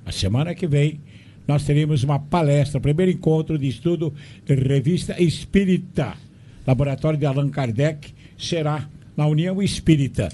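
A man reading local community announcements on the radio, listing dates and places in a measured way. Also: a little high, mellow, slight background noise.

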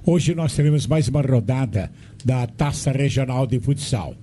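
A man reading local community announcements on the radio, listing dates and places in a measured way. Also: mid-range voice, lively intonation, warm tone, a little hiss or hum.

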